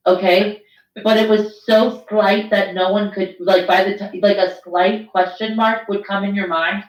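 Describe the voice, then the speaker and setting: A woman co-hosting a casual podcast, rambling and crude in animated banter. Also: mid-range voice. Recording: roomy echo.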